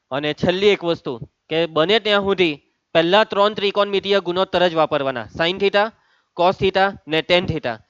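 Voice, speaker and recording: A male maths teacher talks his class through a lesson in a chatty, teasing way, calling students by name. His voice sits high and smooth. The recording is dry, with a dull, lo-fi sound. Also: a bit bright, no echo.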